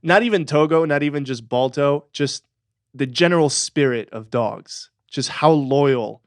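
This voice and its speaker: A man's voice: a little high, measured pace, no room sound. Young man, podcast co-host, casual storytelling, filler words, dry close mic. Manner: storytelling, chuckling, trailing off with fillers. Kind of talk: casual chat.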